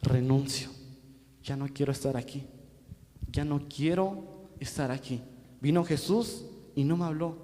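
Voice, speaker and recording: Man as a quiet defeated disciple, soft and dejected, somewhat high voice, long hall echo. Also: moderate pace, lightly acted. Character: downcast grown man, disciple ashamed of failing. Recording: echoey hall reverb.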